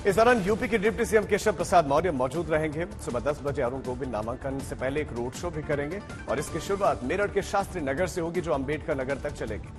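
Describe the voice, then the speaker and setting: A man's voice: on the high side, brisk, hardly any pauses. A man working as a news anchor, reading a scripted bulletin. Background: music bed.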